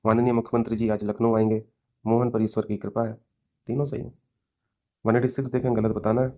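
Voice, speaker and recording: A man's voice: medium pitch, flat delivery, a little fast, a little mellow. A man teaching a Hindi grammar lesson, working through mock test questions step by step and often checking in with his students. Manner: explains step by step, often checking with "theek hai" and "hai na". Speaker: exam coaching teacher.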